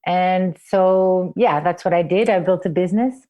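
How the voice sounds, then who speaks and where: Woman, forties, from Portugal, lower voice, thoughtful, soft, storytelling. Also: normal speed. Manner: reflective, soft-spoken, restarts with fillers. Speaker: guest, forest therapy guide trainer. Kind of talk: personal storytelling interview.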